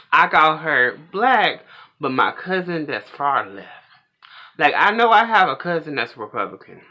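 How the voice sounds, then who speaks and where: A man rants about pop culture news on his own vlog, chatty and opinionated. His voice is bright and sharp, and it swings widely up and down as he gets animated. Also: on the high side. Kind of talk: casual pop culture rant.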